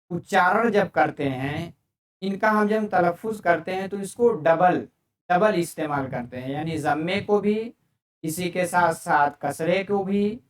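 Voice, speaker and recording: An Arabic teacher with a high-pitched voice gives an online grammar lesson, explaining patiently and repeating each term in several languages. He's recorded from a distance, away from the mic in an echoey room, with slight background noise.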